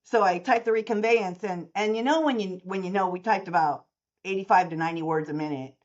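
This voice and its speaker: Her mid-range voice comes through with the highs cut off as she talks fairly quickly. The woman, in her sixties and owner of a mortgage services company, gives a long-form interview, animatedly acting out quoted dialogue from her stories.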